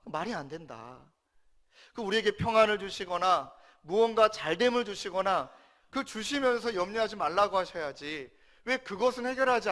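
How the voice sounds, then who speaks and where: A man in his thirties, a pastor, giving a sermon with a personal testimony and acting out his own angry outbursts. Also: high-pitched. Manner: emotional storytelling, acts out his own angry shouting.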